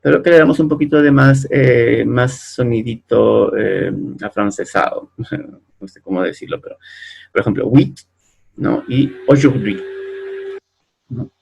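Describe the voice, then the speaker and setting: A man's voice: mid-range voice, steady tone, gravelly, husky. A man teaching French pronunciation in a lesson, patient and repetitive, often checking in with the learners. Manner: patient, repeats words slowly, ends sentences with "¿no?" and "¿bien?". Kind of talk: explaining French pronunciation to Spanish speakers.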